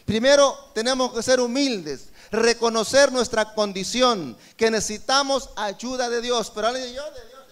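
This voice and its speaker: A man's voice: very high voice, moderate pace, hardly any pauses, a bit bright, clean tone. A man with a Peruvian Spanish accent preaching a sermon at a church service, asking his congregation rhetorical questions. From Peru. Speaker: pastor.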